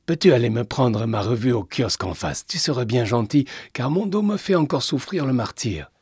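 A man's voice: mid-range voice, big pitch swings, normal speed, darkish tone, breathy edge, no room sound, clean studio sound, voice pushed up. A man voicing a kindly, teasing old grandfather with a bad back. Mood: amused. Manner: playful, amused.

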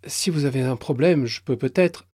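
A man's voice: medium pitch, normal speed, warm tone, breathy edge, no room sound, clean studio sound, voice pushed up, close to an everyday voice. A man voicing a tired young female benefits clerk, polite and a little uneasy. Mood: politely firm.

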